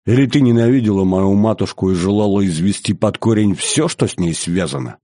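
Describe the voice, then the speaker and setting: A man's voice: on the low side, fairly quick, warm tone, no echo, clean studio sound, close to an everyday voice. A man voicing a young prince who coldly and mockingly accuses his grandmother. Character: young prince, cold, scornful and hateful. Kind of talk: audiobook character voice.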